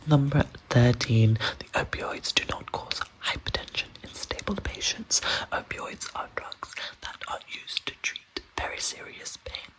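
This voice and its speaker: Someone reading aloud for ASMR in a breathy, unvoiced whisper, softly repeating words and phrases and adding casual asides. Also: medium pitch, expressive, unhurried, low-quality recording. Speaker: ASMR host reading a medical handbook aloud.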